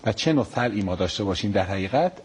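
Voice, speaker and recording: A middle-aged man, a pediatric neurosurgeon, answering interview questions politely and explaining calmly with everyday comparisons. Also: fairly low pitch, husky.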